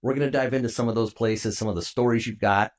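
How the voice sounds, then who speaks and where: A man's voice: mid-range voice, fairly even intonation, fast talker. A man hosting a travel podcast, reading his intro and welcoming a guest in an enthusiastic, friendly way. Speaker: podcast host. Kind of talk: upbeat podcast intro and interview.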